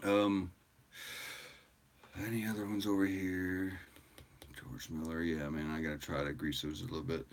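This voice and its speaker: A man with a very deep voice hosts a casual livestream and chats with viewers. He sounds tired and rambles in a loose, easygoing way, with plenty of fillers. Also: normal speed, long pauses. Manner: rambling and relaxed, with frequent fillers and laughs. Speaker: livestream host.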